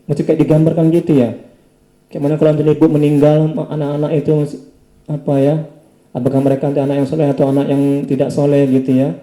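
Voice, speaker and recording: A man, an Islamic preacher, gently questioning a patient after a healing session, often ending his questions with a tag asking for agreement. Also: fairly high pitch, little pitch movement, quick pace, echoey room, rough recording.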